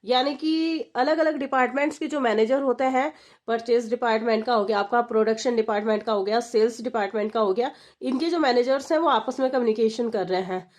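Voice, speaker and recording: A woman's voice: on the high side, a little fast, a little mellow. A woman giving an exam-preparation lecture, explaining step by step and asking and answering her own questions for her students. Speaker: exam-prep teacher.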